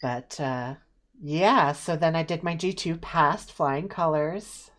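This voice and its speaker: A woman's voice: low voice, slow pace. A young woman from Eastern Ontario, telling stories in casual chat, with lots of fillers. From Eastern Ontario, Canada. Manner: chatty, animated storytelling with many fillers.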